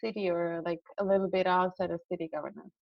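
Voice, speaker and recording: A woman's voice: on the low side, fairly even intonation, quick pace, vocal fry, dry recording, highs cut off. Earnest young woman from Serbia. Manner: earnest, idealistic, frequent fillers and restarts. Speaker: guest, climate scientist. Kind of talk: casual interview talk.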